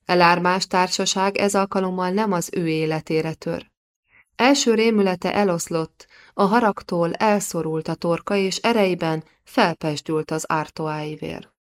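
A woman narrating a historical novel as an audiobook, reading in a measured, even way. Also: fairly low pitch. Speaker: audiobook reader.

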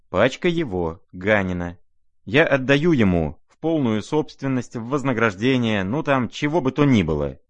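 Guy reading as a defiant young woman, bossy and scornful, low voice, dry studio sound. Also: no room sound. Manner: imperious, commanding.

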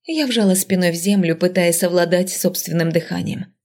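Gravelly-voiced woman narrating an audiobook. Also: fairly quick. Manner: lively, jumps high for the heroine's squeaky lines. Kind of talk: audiobook narration of a fantasy romance.

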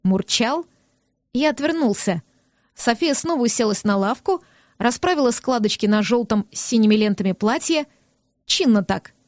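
Woman reading audiobook, first person, steady, highish voice. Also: moderate pace, no echo, studio quality. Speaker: audiobook reader.

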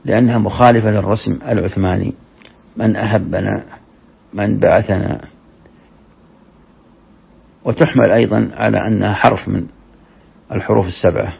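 A man teaching a measured classroom lesson on scripture commentary, explaining verses step by step with frequent restarts. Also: lowish voice, steady tone. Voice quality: gravelly. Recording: dull lo-fi lecture recording.

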